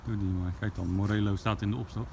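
A man's voice: on the low side, fast, vocal fry. Chatty man filming outdoors on his phone. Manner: chatty, relaxed running commentary. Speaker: vlogger. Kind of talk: casual walk-and-talk vlog. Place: outdoors at a campervan fair. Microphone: phone camera at arm's length. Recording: noisy outdoor phone recording. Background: outdoor ambience and vehicles.

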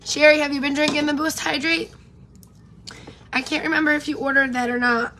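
Doing her makeup live in a pink-neon-lit room at home, a beauty vlogger in her thirties rambles and greets viewers by name, her worn voice fading. It sits high with a level tone and a slightly fast pace, and there's background noise. A camera in front records her at close range.

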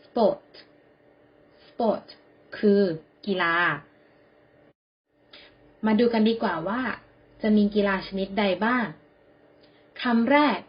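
A woman teaching children English vocabulary, saying each word clearly and spelling it out letter by letter. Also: a little high, drawn-out words, pauses often, highs cut off. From Thailand. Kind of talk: slow classroom vocabulary drill.

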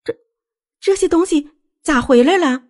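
Woman playing shrill hysterical young wife. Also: very animated, a little fast. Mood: shrill hysteria. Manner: shrill, screaming accusations.

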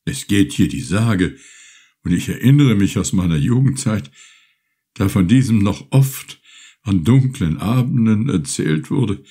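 A man voicing a bent, frightened very old male villager who asks slow, halting questions. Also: lowish voice, lively intonation, warm tone, slightly rough.

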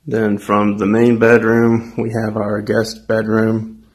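A man in his twenties with an American accent gives a laid-back vlog tour of empty apartment rooms, chatting informally into a phone he holds at arm's length. His voice is fairly low, and he speaks slowly in a completely flat way.

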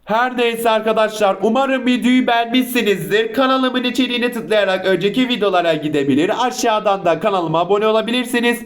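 Guy chatting casually on his reaction video, pretty high voice. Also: fairly quick, hardly any pauses. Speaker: YouTube host.

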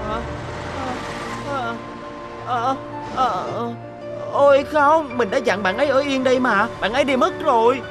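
A woman's voice: sits high, unhurried, long pauses. Tayo, a bashful little bus boy. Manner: chatty, bashful, nervous laughs. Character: cheerful little blue boy bus, eager to impress. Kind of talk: Vietnamese cartoon dub. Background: music.

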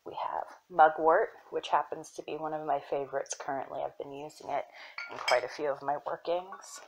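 A young woman casually showing her herb collection, soft-spoken and unhurried, with fillers and self-corrections that sometimes drop into a whisper. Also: low voice, noisy background. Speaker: apothecary shop owner. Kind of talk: casual show-and-tell.

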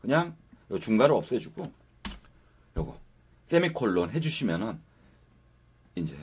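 A man's voice: lowish voice, very animated, a little slow, darkish tone, breathy edge. A man giving a casual, step-by-step coding tutorial over a screen recording, talking viewers through each step. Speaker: programming instructor.

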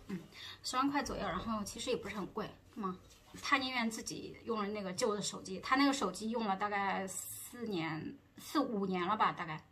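Woman, 30s, from China; vlogger storytelling, breathy and a little high, exasperated chat. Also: pushed and bright. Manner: chatty and exasperated, rising heat when retelling arguments. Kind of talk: casual storytelling to viewers.

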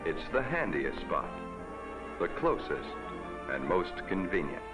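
Deep folksy 1950s TV commercial announcer. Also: male voice, big pitch swings, measured pace. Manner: folksy, upbeat pitchman. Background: music.

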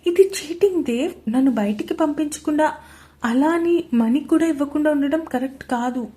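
A woman voicing a feisty young pregnant wife who talks high and defiant. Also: moderate pace, warm tone, lightly acted.

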